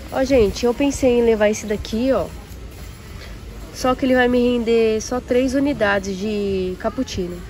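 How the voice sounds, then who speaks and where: With soft music in the background, a young woman, a café owner and vlogger, shops a large indoor warehouse supermarket, chatting to viewers and comparing prices aloud in this casual vlog. Her slightly high, a little mellow voice is measured and pauses often. A phone at arm's length picks up noisy store ambience.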